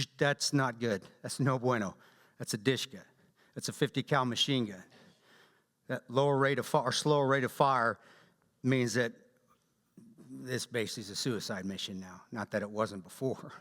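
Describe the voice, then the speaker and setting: A man giving a talk at a church, telling a combat story in an animated way and acting out quotes. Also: medium pitch. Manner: animated storyteller, acts out quotes, laughs often. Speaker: guest speaker. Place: church hall. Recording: long hall reverb.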